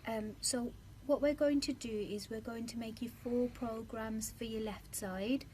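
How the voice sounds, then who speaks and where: A woman audiologist talks a patient through an implant fitting in a calm, reassuring way. Her voice sits a little high, with a faint hiss in the background. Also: a little slow. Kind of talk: explaining a hearing implant fitting.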